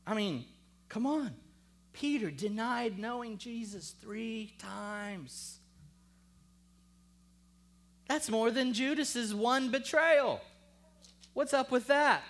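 This pastor takes his time, preaching emphatically and rhetorically to the congregation and calling on them, then quieting to a hushed tone when he reads from scripture.

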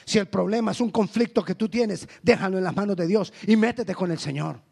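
A male pastor delivers a sermon in a notably high-pitched voice. He moves between loud, urgent exhortation and sudden low, quiet asides. The delivery is rhythmic and questioning, as if pressing the congregation. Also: a little fast, gravelly, husky.

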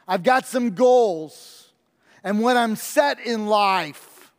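A stubborn, ambitious young man, as a preacher puts him on, who brushes off the pastor's pleas and sticks to his plans. His high voice comes slowly and with weight, and it echoes through a church hall with a long reverb. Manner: dismissive and set on his plans.

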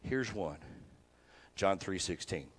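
Man preaching, slow emphatic scripture repetition. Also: low voice, animated. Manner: slow repetitive scripture recitation, dropping soft; conversational teaching with sudden emphatic rises. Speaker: pastor. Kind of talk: sermon.

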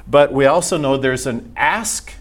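A man's voice: mid-range voice, measured pace. A man with an American accent gives an informal teaching talk to a church group, conversationally asking rhetorical questions and acting out imagined reactions. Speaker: Bible class teacher.

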